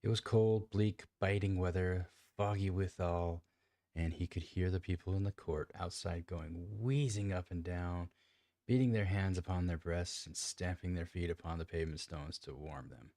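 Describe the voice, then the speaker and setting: A man with a very low, deep voice reads a classic novel aloud in a dry, close sound. He trips over words now and then, restarts lines and talks to himself about how he read them. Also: moderate pace, mellow, dry recording. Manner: stumbles, restarts lines and comments on his own reading. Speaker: amateur reader.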